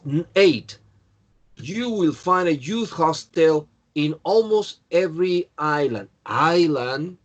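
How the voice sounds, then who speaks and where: A man teaches an English class at an unhurried pace, with a voice set a bit higher than usual for a man. He patiently corrects each student by name, and the sound is dull and lo-fi. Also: expressive. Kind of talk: online class, checking answers.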